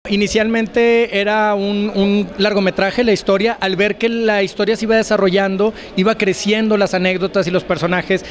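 A fairly high-voiced man in his thirties from Mexico gives a press interview at an event backdrop. He talks through his project thoughtfully, pausing on fillers, into a handheld mic held close. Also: little pitch movement. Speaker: actor and co-producer. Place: event press wall, indoors. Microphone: handheld reporter mic.

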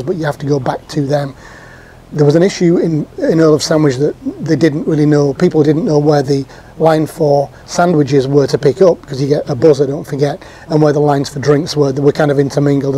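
Husky-voiced man chatting to camera. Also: on the high side, warm tone. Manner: chatty, with frequent ums and restarts. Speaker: theme park vlogger. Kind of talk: casual recap to camera. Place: outdoor patio, seated on a sofa.

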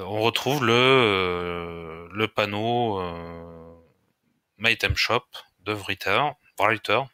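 A man hosting a screen-recorded software tutorial, talking hesitantly with frequent filler pauses. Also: fairly low pitch, clear, resonant tone, no echo, clean studio sound. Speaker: tutorial host.

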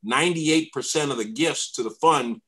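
Male trustee, mid-pitched, steady read-through of a report on a video call. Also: normal speed, slightly rough, rough recording. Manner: reads prepared remarks steadily. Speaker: trustee giving a foundation report. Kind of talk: formal report at an online board meeting. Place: home room on a video call.

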